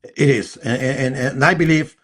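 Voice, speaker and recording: This Costa Rican sports talk show host is a native Spanish speaker with a Costa Rican accent and a mid-range, fairly bright voice. He hosts a live sports discussion in a halting, repetitive way, breaking into emphatic bursts.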